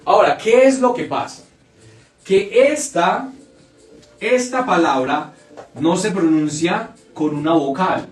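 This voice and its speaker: A man's voice: high-pitched, expressive, slow pace, pauses often, recorded from a distance. A man teaching a live online English grammar class, repeating example words over and over as he explains. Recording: echoey room, off-mic, faint music.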